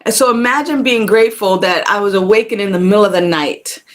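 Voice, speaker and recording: Talking fairly quickly at a medium pitch, a woman minister runs a spiritual livestream as its host. She greets people watching by name and preaches in a conversational way, echoing phrases for emphasis. Sound is captured by the camera's mic.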